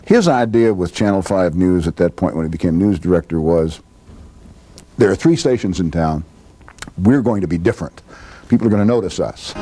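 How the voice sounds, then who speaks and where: A man in his sixties, a retired news anchor, looking back on his career in a relaxed interview and chuckling easily. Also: fairly low pitch. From United States. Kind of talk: reflective interview recollection. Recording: faint music underneath.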